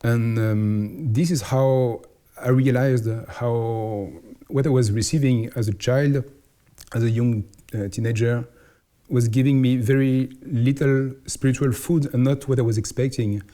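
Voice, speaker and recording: Man, 40s, French accent, mellow warm tone, halting, searching for words, interview answers. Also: mid-range voice, fairly even intonation. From France. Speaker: priest, house superior.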